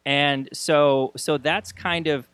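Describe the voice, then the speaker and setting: A man's voice: a little high, steady tone, slow pace, a bit bright, smooth, dry recording. Male podcast host, dry close sound. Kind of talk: conversational podcast intro and interviewing.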